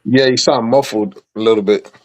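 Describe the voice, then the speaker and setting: A man's voice: on the low side, fairly even intonation, normal speed, darkish tone. A man chatting casually as a remote guest on a music podcast, his voice muffled and distant as if heard through a wall. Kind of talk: casual chat.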